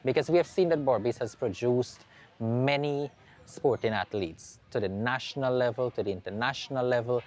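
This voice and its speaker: A man's voice: medium pitch, moderate pace, darkish tone. A Guyanese man, a tourism committee president, giving an interview answer outdoors in an earnest way and restarting phrases.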